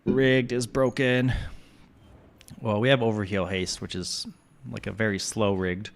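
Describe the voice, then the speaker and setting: A man talking through his video game turns in a relaxed, casual way, thinking out loud with frequent ums. His voice sits low with a creaky, gravelly edge, and he speaks slowly. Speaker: gameplay commentator. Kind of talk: casual gaming commentary.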